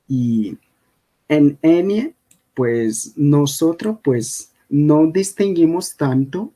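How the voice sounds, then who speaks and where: A man's voice: on the high side, expressive, mellow. A man whose first language is Kogui teaching a language lesson over slides, often checking in with the listener. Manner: unhurried, checks in with frequent "¿sí?".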